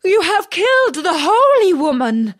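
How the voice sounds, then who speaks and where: A woman voicing a young princess who speaks in a high, startled voice. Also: very animated, measured pace, no room sound, studio quality, full character voice. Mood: alarmed. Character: young princess, gentle and easily alarmed.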